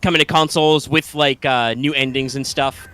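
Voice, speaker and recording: Here a man co-hosts a live gaming stream in a steady, medium-pitched voice at normal speed, pushed and bright yet cleanly recorded. His talk over the gameplay is loose and rambling, peppered with "like," "uh," and the occasional swear.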